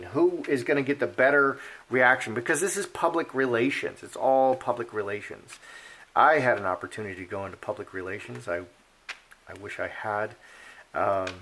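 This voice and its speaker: Opinionated male card reader, rambling solo talk, mid-pitched voice, many ums and restarts. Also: a bit bright, a little hiss or hum. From Polish heritage. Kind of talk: casual monologue.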